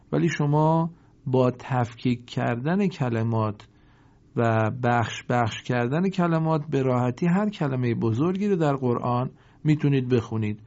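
A male teacher with a dark, mellow voice gives a recorded lesson. He explains at a brisk clip, then recites example words slowly and drawn out for the class to repeat. The recording sounds dull and lo-fi. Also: medium pitch, animated. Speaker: Quran reading teacher.

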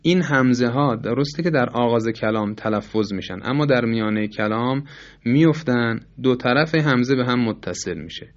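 A man's voice: medium pitch, lo-fi sound. A man teaching Quran recitation rules in a formal, patient lesson, politely repeating and explaining with examples.

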